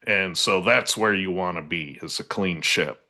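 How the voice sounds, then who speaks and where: A man with a low voice and a bright, forceful edge talks slowly through a casual panel discussion. He circles and restarts his sentences as he works out each point. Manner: unhurried, with many restarts. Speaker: SEO panelist.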